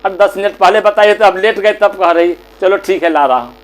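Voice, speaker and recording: A man's voice: high-pitched, fairly quick, lightly acted. A man voicing an impatient grown son who scolds his old mother. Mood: grumbling. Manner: snappish, scolding, exasperated.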